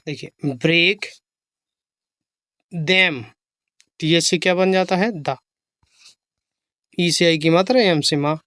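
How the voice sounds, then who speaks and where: An English teacher giving a slow phonics reading lesson, spelling each word out letter by letter and explaining how to pronounce it. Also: medium pitch, no echo, clean studio sound. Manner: spells letters aloud one by one, patient and explanatory.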